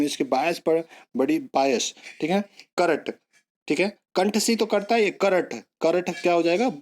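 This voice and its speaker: A male teacher giving an online exam-prep lesson, repeating words and coaxing students along with memory tricks. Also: medium pitch.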